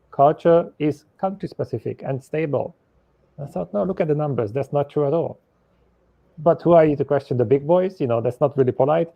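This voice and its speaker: A man's voice: medium pitch, no echo. A man from Hungary, a guest telling his story in a candid, matter-of-fact way. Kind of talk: conversational storytelling. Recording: dry, lo-fi audio.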